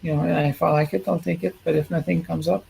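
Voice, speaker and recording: A man's voice: steady tone, fast, creaky, a little mellow, a little hiss or hum, low-quality recording. A middle-aged man talking casually and rambling a little as he gives a livestream update from a hospital room. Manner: low-key and rambling. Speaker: streamer giving a health update.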